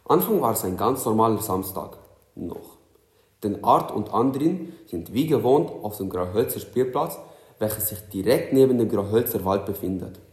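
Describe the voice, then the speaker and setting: A young man reads a story aloud in a plain, unpolished way, slipping on words and fixing them as he goes. His voice sits on the low side. The recording sounds roomy and echoey, as if made in a bare room. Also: animated, normal speed. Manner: plain reading with slips and self-corrections. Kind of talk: reading a self-written story aloud. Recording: roomy echo.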